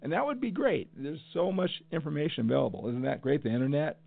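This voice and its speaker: A middle-aged podcast host, alone on the mic, speaks quickly in a sing-song, higher-pitched voice with some vocal fry. He's earnest and forceful, repeating phrases to make his point stick. The dry recording has a tinny, phone-like quality.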